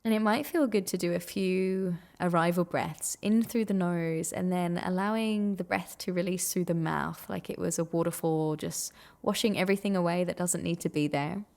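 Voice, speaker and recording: A woman with a lowish, gravelly voice leads a guided meditation. She speaks gently and soothingly, never hurrying, and leaves long pauses.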